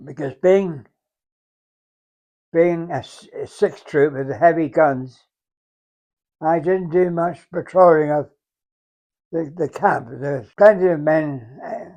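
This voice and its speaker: Very old English man, highish voice, reminiscing. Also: darkish tone. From England. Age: very old, around 100. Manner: very old man's halting, reflective delivery with repeated phrases. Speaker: war veteran recalling his service. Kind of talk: unhurried oral-history reminiscence. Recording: dull, muffled lo-fi sound.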